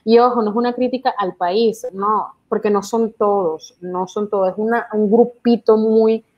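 A young adult woman with a Venezuelan accent, co-hosting a casual podcast chat and telling animated stories, acting out the lines people said to her. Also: medium pitch, normal speed, muffled recording. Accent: Venezuelan Spanish. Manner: animated storytelling, acts out quoted lines. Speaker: podcast co-host.

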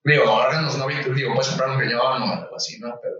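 Animated Mexican man, echoey room. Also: mid-range voice, fast, distant mic. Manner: animated, acts out voices in anecdotes. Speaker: guest, medical student. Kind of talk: casual storytelling. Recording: echoey room, voice off-mic, slightly dull.

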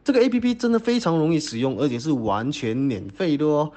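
A man's voice: fairly high pitch, lively intonation, fast, warm tone. A man reading a promotional announcement in an upbeat way. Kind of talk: read station announcement.

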